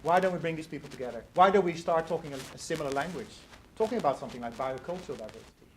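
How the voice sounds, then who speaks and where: A middle-aged man with a voice a little high for a man gives an academic lecture and answers Q&A questions at a quick clip. He is earnest with lively intonation, often restarting and repeating words as he searches for phrasing. Clear background noise from the hall runs through the recording.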